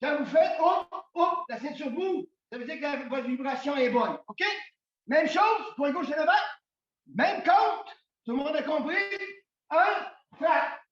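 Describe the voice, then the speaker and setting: A man's voice: very high-pitched, animated, a little slow. A man with a Québécois French accent teaching a karate class, calling counts in Japanese and explaining between drills. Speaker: karate instructor. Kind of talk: shouted martial arts class instruction. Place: large dojo hall. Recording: echoey hall, from far off, dull.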